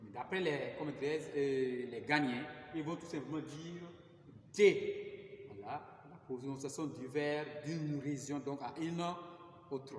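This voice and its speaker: A man teaching an English lesson in in a slow, repetitive way, full of fillers. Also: mid-range voice. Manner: slow, repeats words, many fillers. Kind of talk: recorded classroom lesson. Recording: roomy, far from the mic, faint hum.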